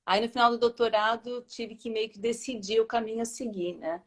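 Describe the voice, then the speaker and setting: A woman's voice: on the high side, fairly even intonation, a little fast. A Brazilian woman in her fifties, a teacher being interviewed, speaking hesitantly with many fillers. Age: 50s. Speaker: guest, teacher. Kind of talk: live interview.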